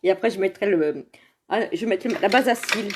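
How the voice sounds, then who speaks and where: A woman's voice: medium pitch, normal speed, background noise. A woman chatting and rambling through a casual live makeup demo, laughing often and greeting viewers by name, filmed on a phone at home. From Saint-Étienne area, France. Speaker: direct seller presenting makeup products. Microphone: phone camera in front of her.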